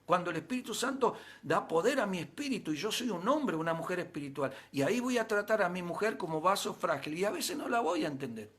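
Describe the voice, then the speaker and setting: A pastor with a Rioplatense Spanish accent preaches a sermon in a high male voice that is expressive and fairly bright. He talks fast with few pauses, driving his points home through emphatic rises and frequent rhetorical questions.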